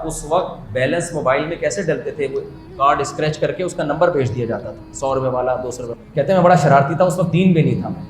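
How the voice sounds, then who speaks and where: Brief: male preacher, somewhat high voice, joking storytelling sermon, echoey room. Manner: conversational, jokey, builds to animated emphasis. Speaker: Islamic preacher. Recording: roomy echo.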